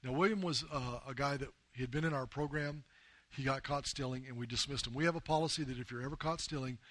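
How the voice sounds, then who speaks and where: An earnest pastor preaching a sermon, mid-pitched and conversational, leaning on emphasis and small fillers. The recording is dry and close, with no room sound around his voice. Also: quick pace, a bit bright, no room sound. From United States. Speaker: pastor and missionary leader. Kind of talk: sermon with personal storytelling.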